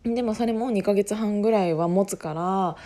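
Husky-voiced woman in casual solo chat. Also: medium pitch, moderate pace, mellow. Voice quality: husky, hoarse voice. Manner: rambling, self-interrupting, often laughing at herself. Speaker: podcast host making an announcement.

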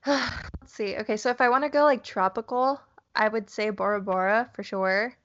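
A woman's voice: mid-range voice, moderate pace, a bit bright. A young woman co-hosting a podcast, chatting casually and giggling often. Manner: giggly, easygoing. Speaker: podcast co-host. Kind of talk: casual chat. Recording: dull lo-fi sound.

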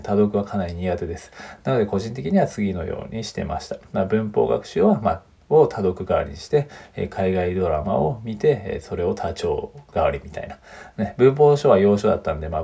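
A man's voice: fairly low pitch, gravelly, mellow, slightly rough. A man hosting a podcast on learning English, explaining points one by one in a casual, chatty way. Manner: chatty, lists points one by one, tags sentences with friendly asides.

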